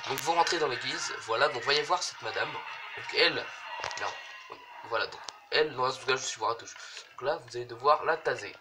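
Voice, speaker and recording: Over a noisy home recording, a man speaks fairly quickly in a mid-range voice as he hosts a gaming video. He rambles and hesitates through casual gameplay commentary, cursing often.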